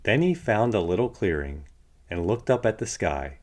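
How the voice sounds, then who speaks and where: A man reads a children's picture book aloud in verse. His voice sits a little low and moves up and down with a very lively, expressive melody. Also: moderate pace. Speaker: story reader. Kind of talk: expressive rhyming children's storybook read-aloud.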